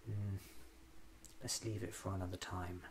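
A man in his thirties playing a quirky, curious time-travelling alien doctor who muses softly to himself in hesitant short phrases, in an ASMR roleplay. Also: sits low, little pitch movement, creaky, background noise. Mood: musing, pleased. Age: 30s. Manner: slow, deliberate, hesitant self-musing in short phrases. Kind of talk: ASMR roleplay, soft-spoken musing to himself.

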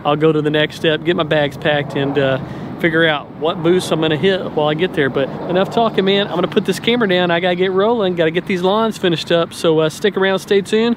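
A middle-aged American man with a high voice talks quickly and casually to camera as a lawn care vlogger. He's outdoors in an open paved lot, holding the camera at arm's length, with a noisy background.

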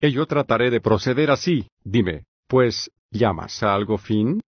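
A male reader voicing Socrates, an older patient philosopher, reading in an even, measured way with long reasoned questions. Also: mid-range voice, slightly rough, no echo, highs cut off. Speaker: audiobook reader. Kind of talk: scripted audiobook reading of a philosophical dialogue.

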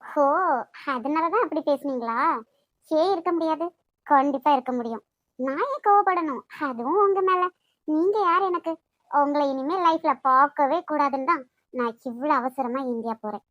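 A heartbroken young cartoon heroine, voiced by a woman, with a Kanyakumari Tamil accent. Her voice sits very high and sounds bitter and wounded as she pushes her lover away. The sound is dry and close. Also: moderate pace, dry recording, dull audio, natural voice. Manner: bitter, cold then tearful. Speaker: voice actor. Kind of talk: cartoon love-story dubbing.

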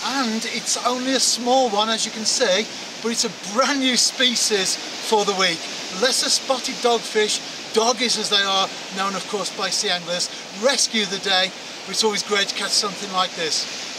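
A man's voice: high-pitched, fairly even intonation, normal speed. A man in his forties vlogging outdoors on a beach, talking to the camera in a chatty way with rhetorical asides to the viewer. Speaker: angling vlogger. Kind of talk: casual to-camera vlog. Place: outdoors on a beach and sea rocks. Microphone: handheld camera close to face. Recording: outdoor recording with loud surf noise. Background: surf and waves.

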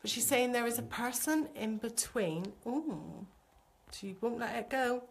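Woman, slightly high pitch, psychic medium, live-stream reading, chatty, excitable. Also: a little slow. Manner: chatty, excitable, calls viewers sweetie.

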